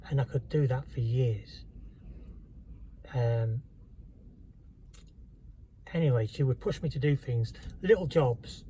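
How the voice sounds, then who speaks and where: A man telling a personal story to camera in a halting, candid, reflective way. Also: mid-range voice, dark tone, slight background noise, rough recording. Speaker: vlogger.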